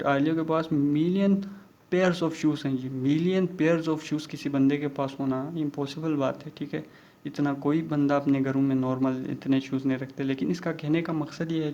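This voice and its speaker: A male teacher explaining a lesson. He mixes English terms into Hindi-Urdu, keeps checking in with "okay," and reads English example sentences slowly. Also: on the high side, a little mellow. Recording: dull lo-fi recording.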